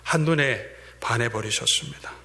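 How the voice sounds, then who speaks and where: A male pastor preaching a sermon, swinging between fervent emphasis and hushed whispers. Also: mid-range voice, moderate pace, gravelly, slight background noise. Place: church sanctuary. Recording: long church-hall reverb.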